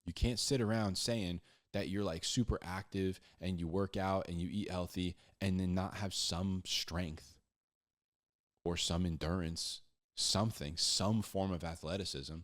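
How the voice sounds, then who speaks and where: Speaking low, steadily and at a measured pace, a man gives informal Bible teaching full of slang. He leans on repetition for emphasis and performs little make-believe exchanges between speakers.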